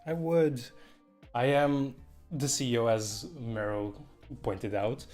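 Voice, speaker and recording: A man's voice: medium pitch, steady tone, slow, darkish tone. A man speaking casually and earnestly as a guest on a livestream. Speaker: company CEO, stream guest. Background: guitar music.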